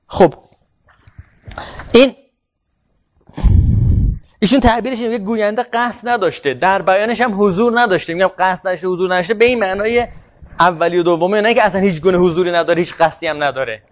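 A man's voice: high voice, pauses often, muffled recording. A man teaching a seminar, explaining ideas and answering students' questions. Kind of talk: seminar lecture.

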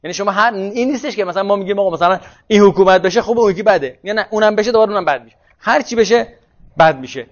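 A man's voice: high voice, hardly any pauses, highs cut off. A man giving a classroom lecture on social theory, thinking aloud and often restarting words mid-phrase.

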